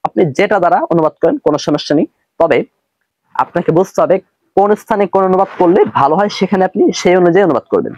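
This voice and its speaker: A man teaching an Arabic textbook lesson, translating slowly word by word and explaining each term. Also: high-pitched, darkish tone, dry recording, lo-fi sound.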